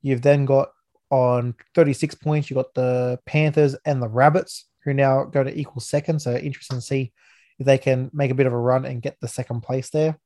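A man's voice: medium pitch, mellow. An Australian man hosting a casual sports review podcast, talking like a laid-back, matey everyday bloke. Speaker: podcast host.

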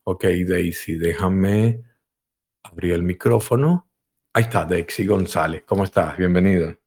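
A man's voice: deep voice, a little slow, darkish tone, breathy edge. A man hosting a live call-in talk, telling a joke animatedly and acting out voices and engine sounds. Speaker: host. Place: live online broadcast.

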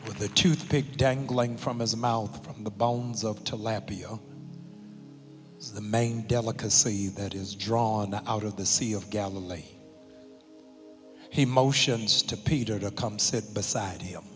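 A man preaching a sermon as pastor, slow and emphatic, with dramatic pauses. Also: fairly low pitch, fairly even intonation. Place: large church sanctuary. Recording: long hall reverb with faint music.

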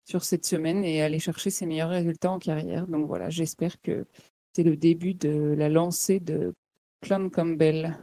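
A woman's voice: low voice, steady tone, moderate pace, dark tone, a little hiss or hum. A woman co-hosting a casual sports podcast, talking with frequent hesitations and easy laughs. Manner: hesitant, many fillers. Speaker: podcast co-host.

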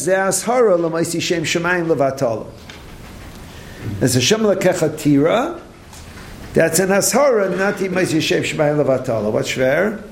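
A man, a rabbi, giving a late-night Talmud lecture, animated, firing rhetorical questions and restarting his sentences, with many Hebrew terms. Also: a little high, echoey room, slight background noise. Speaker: rabbi teaching a Torah class.

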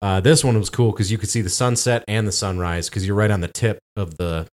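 He has a fairly low pitch and a steady tone and talks briskly. As a podcast co-host, he wanders through a travel anecdote in relaxed conversation, full of filler words.

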